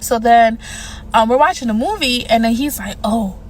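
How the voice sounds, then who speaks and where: A young adult woman telling a dating horror story in a casual, animated way, emphatic and profane, with mounting indignation. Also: fairly high pitch, normal speed, a little hiss or hum, poor audio. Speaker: storyteller vlogger.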